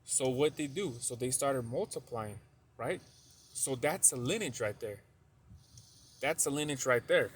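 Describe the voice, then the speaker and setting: A man talking through a religious lesson in a loose, rambling way, often tagging his sentences with "though" and circling back to repeat a point. His voice sits at an ordinary middle pitch. There is a faint hiss of noise behind him. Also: expressive, measured pace, pauses often. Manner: rambling, heavy use of "you know" and a tag "though"; repeats points to stress them. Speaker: religious video presenter. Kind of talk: casual religious teaching monologue.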